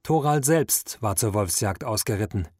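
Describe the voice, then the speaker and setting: A man narrating a scripted fantasy story in a measured, dramatic way. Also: on the low side, lively intonation, darkish tone, husky, no echo, clean studio sound, faint music behind.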